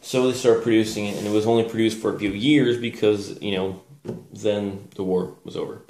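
A man's voice: on the low side, fairly even intonation, brisk, mellow. A man giving a casual, unscripted show-and-tell as a presenter, hesitant and rambling, often correcting himself. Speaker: presenter reviewing collectible military gear. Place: small indoor room at a table. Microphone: camera mic, speaker off screen. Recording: roomy echo with background hiss.

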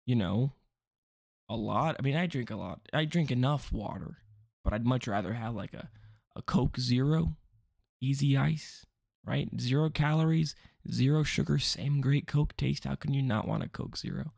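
A man's voice: mid-range voice, moderate pace, gravelly, darkish tone, no room sound, studio quality. A young man rambling through a casual commentary video, joking and interrupting himself often. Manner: rambling, self-interrupting, jokey asides. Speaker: vlogger.

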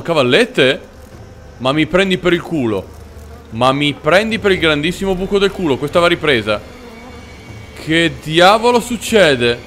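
Male Italian horror gamer, high-ish voice, nervous swearing commentary, light music bed. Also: a bit bright. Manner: swearing, panicky yelps at jumpscares, talks to the character. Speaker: gaming YouTuber. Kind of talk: horror game let's play commentary.

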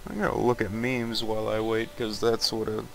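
A man's voice: lowish voice, little pitch movement, brisk, vocal fry, poor audio. A man chatting casually with friends while playing a shooter game, mumbling asides into a headset mic. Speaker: gamer chatting with teammates. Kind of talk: casual gaming chat.

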